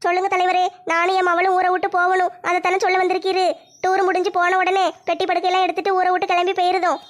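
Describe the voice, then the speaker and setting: A woman playing a pleading village mother. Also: monotone. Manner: pleading, apologetic, speaks fast and high. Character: tearful poor village mother, pleading and meek. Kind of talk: family comedy skit.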